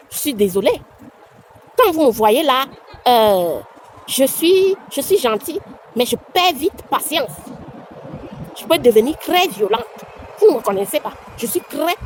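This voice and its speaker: A woman's voice: a little high, slight background noise, low-quality recording. A woman from Cameroon delivering a combative, scolding social media rant, often repeating herself. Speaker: vlogger.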